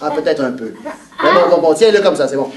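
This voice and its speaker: An actor with a Québécois accent playing a playful, boastful pirate who talks with the children in a live stage show. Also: male voice, on the high side, expressive, fast, crowd noise, natural voice. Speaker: children's entertainer. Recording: echoey hall, mic far off, background noise.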